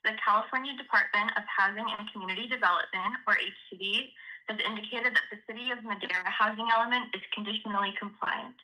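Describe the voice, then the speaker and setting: A woman consultant gives a measured, methodical briefing from a remote call. Her slightly high, sharply bright voice comes through a phone speaker that someone holds up to the chamber microphone, so it is heard re-recorded and tinny from the room. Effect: played over a speakerphone held up to a room mic. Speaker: housing consultant. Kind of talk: formal public meeting presentation.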